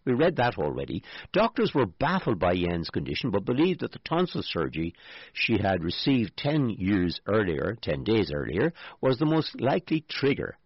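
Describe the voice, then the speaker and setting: A male radio host reads a news item in a relaxed, chatty way and breaks off for dry jokes. His pitch moves about a lot and his voice has a slight huskiness. The sound is dry and a little dull, with faint music underneath. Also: moderate pace, slightly rough, no echo. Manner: wry asides, lively intonation. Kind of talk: casual radio chat reading a news story.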